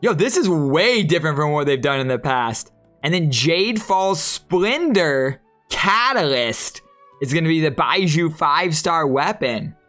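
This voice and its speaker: Lady streamer reacting live, excitable and slangy, kinda low voice, bit of music. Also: measured pace. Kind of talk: casual live reaction commentary.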